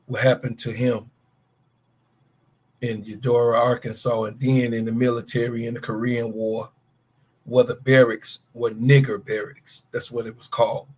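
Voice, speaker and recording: Husky and a little mellow, this mid-range voice belongs to a sports podcast co-host in his fifties, speaking at normal speed with a level tone. He rants hotly about sports, swearing and emphatically calling out players by name. The recording quality is low.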